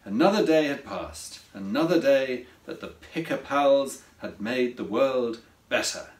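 A man narrates a children's storybook at an unhurried pace, and his pitch rises and falls with a lot of life. He sits a little way from the mic in a room with a noticeable echo. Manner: slow, expressive read-aloud. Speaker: author reading his own story. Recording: roomy echo from a distance.

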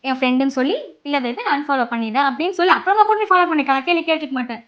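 Fast, high-voiced young woman in a skit. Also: lo-fi sound. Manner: coaxing, then scolding and nagging. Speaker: wife in a comedy skit. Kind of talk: acted comedy skit dialogue.

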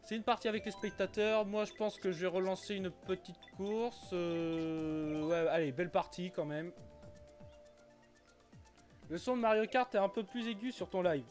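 A man's voice: sits high, moderate pace, darkish tone, faint music behind. A man streaming a kart racing game live, chatting casually with viewers, often stumbling and repeating himself and swearing now and then.

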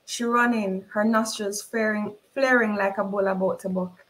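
A woman author, reading her own novel aloud in a slow, measured way. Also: mid-range voice, steady tone, a bit bright, poor audio.

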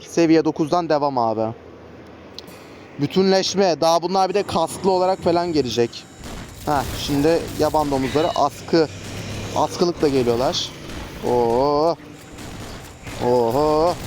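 A man giving casual, chatty gameplay commentary as a gaming host, often exasperated and cursing at enemies. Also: on the high side. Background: traffic noise.

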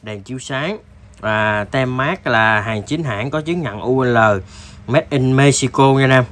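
A man with a southern Vietnamese accent giving a casual, halting sales demo, addressing viewers informally like buddies. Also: medium pitch, heavy background noise. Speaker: tool seller presenting products.

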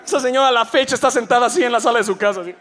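A male stand-up comedian with a Mexican accent, delivering an animated, slangy live set on stage. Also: extremely high pitch, racing, background noise. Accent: Mexican Spanish. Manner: animated, slangy, acting out voices.

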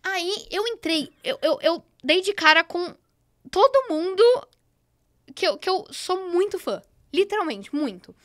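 A woman's voice: very high-pitched, sing-song, measured pace, a bit bright. A young woman with a Brazilian Portuguese accent, a podcast guest telling stories in a bubbly, gushing way. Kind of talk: casual podcast chat.

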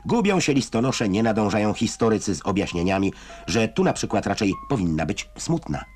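Low-voiced, wry old newsreel narrator, male. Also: sing-song, a little fast, a little mellow. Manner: wry, ironic delivery of scripted commentary. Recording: music bed behind narration. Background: music.

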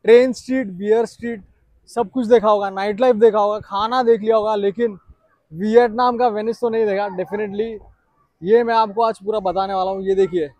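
चहकता हुआ ऊँची आवाज़ वाला पुरुष vlogger. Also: male voice, sits high, brisk, dry recording. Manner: chatty, excited, mixes English into Hindi. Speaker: travel vlogger. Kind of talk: casual travel vlog.

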